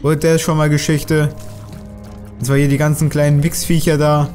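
Chatty German gamer grumbling at enemies. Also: male voice, on the high side, level tone, moderate pace, a little mellow, faint music behind. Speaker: let's play host. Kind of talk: gaming commentary.

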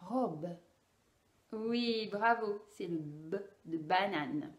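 A woman's voice: a little high, measured pace, a little mellow, roomy sound. A woman speech therapist explaining and carefully demonstrating speech sounds for parents in an instructional video.

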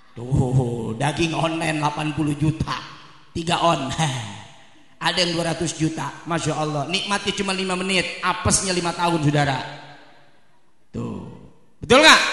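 A man's voice: on the high side, pushed and bright. A male Islamic preacher, giving a joking sermon to a crowd and often asking them if he is right. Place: community event hall. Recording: echoey hall with long reverb.

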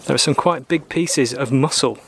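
A man in his thirties calmly explaining, step by step, how he repairs a boat part outdoors. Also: medium pitch, normal speed, gravelly, a little hiss or hum. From Britain. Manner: calm, methodical, plain-spoken, mildly opinionated. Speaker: sailor doing boat repairs. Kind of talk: explaining repair steps while working. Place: outdoors in a garden workshop.

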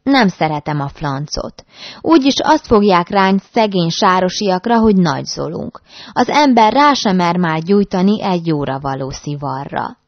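Woman reading as a gruff old nobleman host. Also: fairly low pitch, expressive, dry recording. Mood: mock-modest. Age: older. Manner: grumbling, mock-modest. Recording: dull dry recording.

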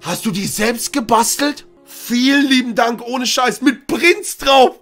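A high, bright-voiced man streaming to his viewers, loud and boisterous, reading aloud one moment and shouting the next. Faint music plays underneath. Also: unhurried. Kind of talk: reading a story aloud, then casual chat.

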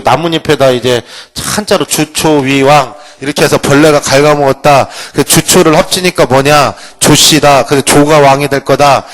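A man giving a humorous history lecture, joking with students and acting out quotes from the past. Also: on the high side. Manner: playful, acts out quotes. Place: lecture room.

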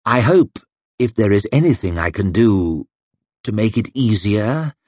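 Nervous young groom in an audiobook, hesitant and earnest, low voice, read by a man. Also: expressive, a little slow, a little mellow, no echo.

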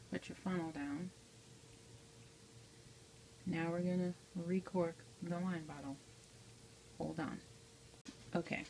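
Standing indoors at her kitchen stove, a woman who makes amateur how-to videos gives an informal, step-by-step tutorial and keeps checking in with the viewer. Her voice is on the low side. The handheld phone behind the camera yields a low-quality recording with a little hiss or hum.

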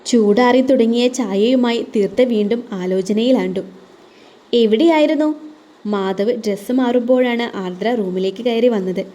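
A woman narrating a scripted audio novel in a calm, even reading voice. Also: medium pitch, normal speed, hardly any pauses. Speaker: storyteller, voice-over narrator.

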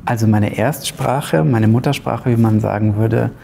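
A dark-toned, gravelly voice on the low side, with slight background noise. The man, a thirty-something playwright from Romania with a Zipser German dialect, responds to interview questions hesitantly, often stopping to use fillers. He wears a lapel mic in a large, ornate hall.

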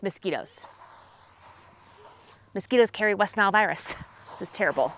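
A woman in her thirties performing a comic camping sketch outdoors with a lapel mic, chatty and dramatic, swinging from hushed asides to excited bursts. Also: mid-range voice, normal speed. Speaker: comedy sketch host. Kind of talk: comedic sketch monologue to camera. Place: forest campsite outdoors.

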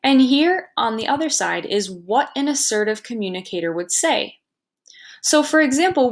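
A woman teacher giving a recorded lesson, explaining patiently and checking understanding with "right?", now and then acting out short quotes in a higher voice.

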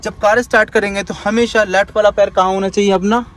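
High-voiced male driving instructor. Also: flat delivery, fast, fairly bright tone. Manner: instructive, repeats commands, tags lines with "ठीक है". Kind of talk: in-car driving lesson. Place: inside a car on the road.

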